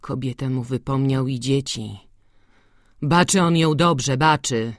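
Slow audiobook reader, calm measured storytelling, dry close sound. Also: medium pitch, no echo. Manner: measured, unhurried reading. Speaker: audiobook narrator. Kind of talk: literary audiobook narration.

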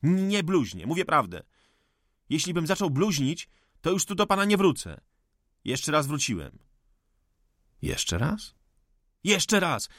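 A man's voice: fairly high pitch, sing-song, slow pace, pauses often, fairly bright tone, dry recording, clean studio sound, pitched above the performer's own voice, heavily acted. A man voicing a fiery, indignant young man who hurls impassioned accusations in an audiobook reading.

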